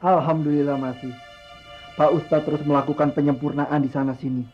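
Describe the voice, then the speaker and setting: A man playing a calm religious teacher, highish voice. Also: brisk, dull audio, natural voice. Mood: calm admonishing. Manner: calm, admonishing. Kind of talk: television drama acting. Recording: music behind dialogue.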